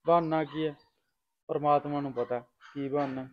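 Man as a quietly worried son, resigned tone, lo-fi muffled sound. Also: fairly high pitch, fairly even intonation, normal speed, slight background noise, close to an everyday voice. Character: worried grown son of the household. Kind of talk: village short-film acting.

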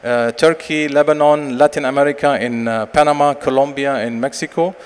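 A man in his forties, a company director, giving a conference sales pitch and answering questions with many fillers and restarts into a handheld mic. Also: steady tone, normal speed, smooth. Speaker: company managing director presenting. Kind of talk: conference presentation and Q&A. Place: large expo stage hall. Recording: long hall reverb, faint noise.

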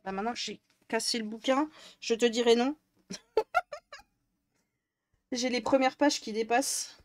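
Chatting with viewers while she colors on a live stream, a young woman from northern France swears often and sounds exasperated. She speaks a little high and a little slowly, with fairly even intonation.

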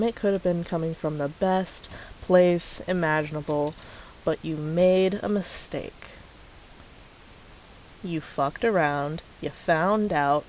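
On a rough recording with a little hiss or hum, a woman with a low, mellow voice responds to a commenter on YouTube. Her casual ranting vlog is sarcastic and profane, punctuated by frequent laughs.

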